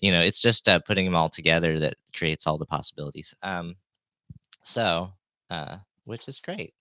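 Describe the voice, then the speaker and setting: A man with a deep yet bright voice explains things live in a rambling way. He hesitates, trails off and restarts his thoughts. The sound is dry, with a light low-pass filter on the voice. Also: normal speed, no room sound. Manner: hesitant, trailing off, self-interrupting. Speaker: live streamer and synth tutor.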